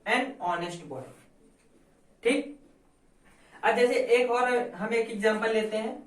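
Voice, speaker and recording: A woman's voice: a little high, slow, recorded from a distance. Teacher woman in an echoey room. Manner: asks questions and answers them, repeats key points. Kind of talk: classroom grammar lesson.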